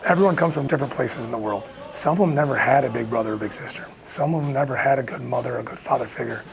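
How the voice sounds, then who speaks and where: A man's voice: medium pitch, fast, vocal fry, a crowd in the background, rough recording. A man talking in an interview as a drill instructor. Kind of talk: interview talk.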